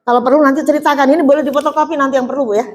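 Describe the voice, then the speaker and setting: A middle-aged woman preacher gives a lively religious talk to a group of women in a high, rapid-fire voice. She tells stories, acts out the dialogue, and puts questions to her audience.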